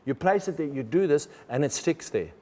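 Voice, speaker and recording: A man who grew up speaking German hosts a televised magic show, bantering with the studio audience and laughing quickly. His voice is a little high, animated, and dark in tone, with the sound of a big room.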